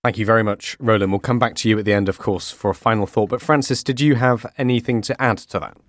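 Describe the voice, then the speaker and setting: A man's voice: fairly low pitch, steady tone, quick pace, dry recording, studio quality. A man hosting a podcast, politely handing over to his guests. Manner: polite, moderating. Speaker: host.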